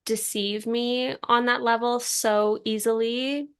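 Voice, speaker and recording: A young woman co-hosting a podcast in casual chat, animated, laughing mid-sentence and posing hypotheticals. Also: fairly high pitch, slow pace, clean tone. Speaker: podcast co-host.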